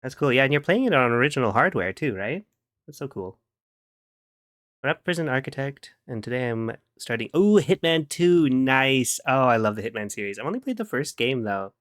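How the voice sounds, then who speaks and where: A playful male streamer talks to his chat in a mid-pitched voice, now and then breaking into little hummed tunes. The sound is dry and close, with no room around it. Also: very animated, moderate pace, fairly bright tone, no room sound. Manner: playful, giggly, hums and scats to himself while working. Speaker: streamer chatting with viewers. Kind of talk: casual live-stream chat.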